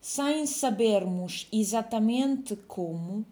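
Slow, mellow-voiced woman dictating. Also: fairly high pitch, expressive. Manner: measured, deliberate phrasing, says each phrase twice. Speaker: dictation teacher. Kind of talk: slow dictation, phrases read twice with punctuation called out.

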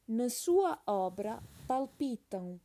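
Woman teacher, dictation pace, each phrase said twice with punctuation spoken; unhurried, warm tone. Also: fairly high pitch, big pitch swings. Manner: repeats each phrase slowly, calling out punctuation. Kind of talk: slow dictation with punctuation read aloud.

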